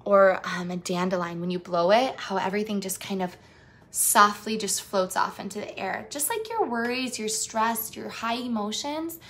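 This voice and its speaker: As host to an audience of children, a woman in a mid-range voice reads from a picture book and chats along the way. She draws her phrases out with expression and prompts the kids with direct questions.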